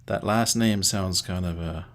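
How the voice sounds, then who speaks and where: A man's voice: low voice, a little slow. A middle-aged man from Canada hosting a casual livestream, chatting to viewers by name and thinking aloud as he sets things up. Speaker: livestream host.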